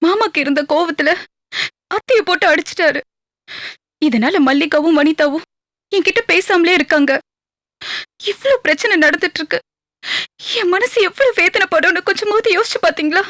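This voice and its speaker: A woman's voice: very high voice, moderate pace, pauses often, a bit bright, no room sound. An actress playing a hurt young wife in a TV serial, reproaching her husband. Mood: reproachful. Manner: pleading, reproachful. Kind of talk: Tamil TV serial acting.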